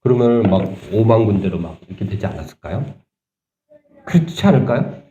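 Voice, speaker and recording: A man preaching a sermon as pastor, talking conversationally and asking the congregation rhetorical questions, turning animated and indignant at points. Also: on the low side, fairly quick, roomy sound, lo-fi sound. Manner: animated, rising sharply when voicing indignation. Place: church sanctuary.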